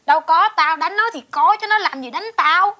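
A woman's voice: very high-pitched, normal speed, sharp tone, soft background music. A woman on stage playing a bossy wife who beats her husband, with a scolding, commanding manner. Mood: boastful. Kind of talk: stage comedy acting.

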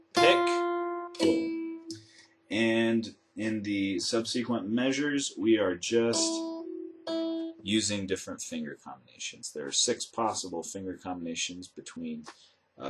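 This guitar teacher has a low-pitched voice and walks through his lesson step by step, measured and methodical. Acoustic guitar playing, with notes and plucking, surrounds his speech in an indoor room full of instruments.

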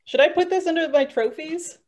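A woman with a fairly high, brisk, slightly mellow voice chats casually on a group video call from indoors during a tabletop game. She's a player and a guest author, and she sounds hesitant, thinking aloud as she talks.

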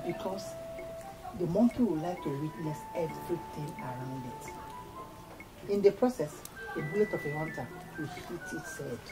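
An actress with a Nigerian accent playing a domineering, harsh middle-aged mother who shouts and scorns in a Nollywood film. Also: low voice, animated, measured pace, rough recording. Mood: scornful lecture. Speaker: actor. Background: loud film score music.

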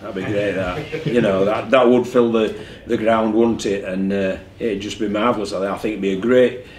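A man's voice: lowish voice, steady tone, normal speed, darkish tone. A man, a rugby league head coach speaking candidly at a post-match press conference, often repeating words as he thinks. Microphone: desk mic in front of him. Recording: echoey room with faint background hum.

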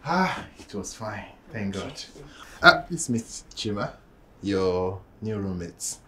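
An actor playing a placating young husband in a film drama, soothing and evasive, with a Nigerian accent. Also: male voice, lowish voice, very animated, slow, bright, forceful tone, exaggerated voice. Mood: awkward. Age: young adult. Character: placating young husband calming his excitable wife.

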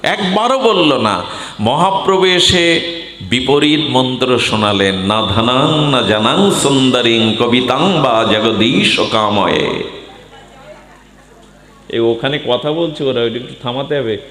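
A man preaching a devotional sermon to a gathering, who swings between high declaiming and low intoned verses. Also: lively intonation, takes it slowly, a bit bright. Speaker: Bhagavata reciter. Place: hall before a gathering. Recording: roomy hall with long reverb.

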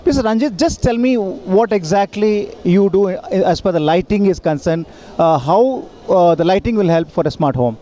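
High-voiced interviewer, mellow. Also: male voice, lively intonation. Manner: halting questions with fillers. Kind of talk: trade show interview. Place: busy expo hall. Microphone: handheld mic.

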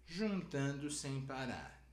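A man with a Brazilian Portuguese accent teaching a cavaquinho lesson, explaining each step slowly and patiently. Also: medium pitch, animated, loud music behind the voice. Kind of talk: music lesson instruction. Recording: roomy sound with instrument playing.

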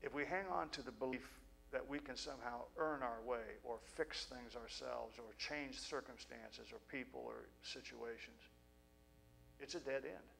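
A middle-aged pastor preaches an earnest, conversational sermon and reads scripture into a pulpit stand mic in a small church, often halting and restarting. His mid-range voice is fairly bright with vocal fry, and the poor recording carries some hiss or hum.

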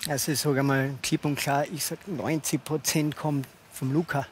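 A man answers interview questions earnestly, his voice a touch higher than most men's. He lays out his points step by step. A faint noise runs under the studio sound. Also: level tone, normal speed. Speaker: father of a young skier. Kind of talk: talk-show interview answers. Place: TV studio with audience. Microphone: headset mic.

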